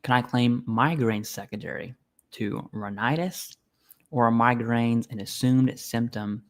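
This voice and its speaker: A man's voice: mid-range voice, steady tone, measured pace. A man hosting a casual live Q&A stream, reading viewer questions aloud and answering bluntly and informally. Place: home setup, eating while streaming.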